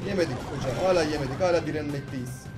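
A young man in his twenties giving excitable, slangy commentary over his own gameplay, swinging between calm asides and frustrated outbursts. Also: a little high, fast talker, music in the background. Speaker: gaming YouTuber.

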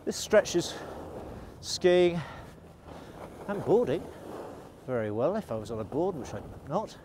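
A man's voice: a little high, big pitch swings, slow, noisy background. A middle-aged man, vlogging in a chatty, rambling way while out on a snowy ski slope, filming himself at arm's length. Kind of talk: casual vlog while skiing. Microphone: selfie camera at arm's length.

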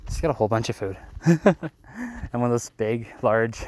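A tired, slightly breathless young Canadian travel vlogger films himself on his phone during a night walk on a desert trail. His medium-pitched voice is a little mellow and moderately paced as he rambles and teases himself, with slight background noise.

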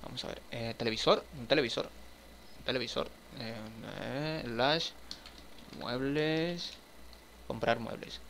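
A man's voice: medium pitch, a little slow, long pauses, a bit bright, slight background noise. A man giving casual gameplay commentary, chatting to his viewers as he furnishes a house in a game. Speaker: gaming streamer.

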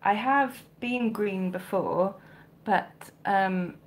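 Her voice is medium in pitch and extremely slow. She is in her thirties, from South Wales with a mild Welsh accent, and hosts a live stream selling vintage clothing from her shelved bedroom at home, close to a webcam or phone, casually answering comments with chatty, self-deprecating jokes and asides.

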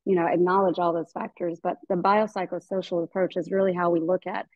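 A woman in her forties, a gynecologist guest in a webinar, talks earnestly and keeps restarting her sentences. Her voice sits a little low. The video call audio is dull and dry. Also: level tone, fairly quick, a little mellow, dry recording. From American South. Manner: earnest, thinking aloud with many fillers and restarts. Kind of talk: webinar interview. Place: indoor room at home.

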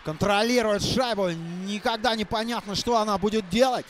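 A man doing live hockey play-by-play, halting and repeating phrases for emphasis. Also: high voice, slight background noise. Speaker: hockey commentator. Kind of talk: live play-by-play sports commentary.

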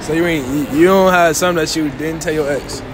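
A man's voice: fairly high pitch, fast talker. A teenage man hosting a casual street interview in a shopping mall, teasing and joking with the people he asks. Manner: joking, teasing, laughs often. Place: large indoor shopping mall. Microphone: handheld phone. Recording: noisy mall ambience.

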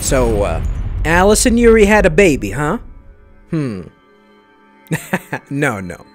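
A man hosts a let's play and comments casually on the game as he goes. He talks slowly, with a lot of fillers, but his pitch swings widely. There is faint music underneath. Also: wildly swooping pitch. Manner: rambling, with many fillers and jokey asides.

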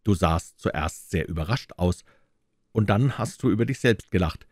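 A man narrating a classic storybook aloud, with calm, measured delivery. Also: low-pitched, no echo, studio quality. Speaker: audiobook reader.

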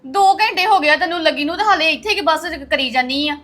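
A woman's voice: sits high, expressive, fast, fairly bright tone. An actress playing a bossy young wife who scolds and orders her in-laws around. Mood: scolding. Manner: scolding, commanding. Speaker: bossy daughter-in-law. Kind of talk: web drama acting.

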